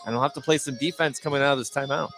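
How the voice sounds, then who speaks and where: A man calls a basketball game live on the radio, racing through the play-by-play in a steady, mid-range voice and rising to shouts on big plays. Gym noise and bouncing balls fill the background, along with some music.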